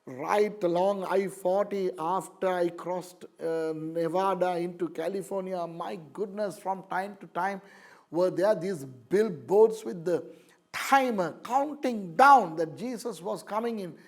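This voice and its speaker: A man's voice: high voice, unhurried. A man with a Sri Lankan English accent giving an emphatic Bible lecture as a teacher, with vivid asides.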